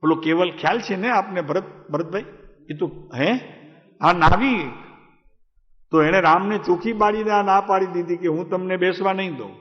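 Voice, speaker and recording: A man's voice: high-pitched, measured pace. A man giving a devotional talk to a gathering, in a conversational manner, asking listeners questions and calling on them by name. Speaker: spiritual teacher. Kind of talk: devotional discourse to a live gathering. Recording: echoey hall, dull lo-fi sound.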